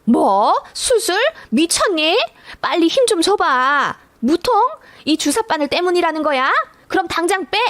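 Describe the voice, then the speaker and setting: A woman's voice: lively intonation, normal speed, dry recording, natural voice. A woman doing a bossy grandson-obsessed mother-in-law. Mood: shrill demanding. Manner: bossy, nagging, shrill when angry.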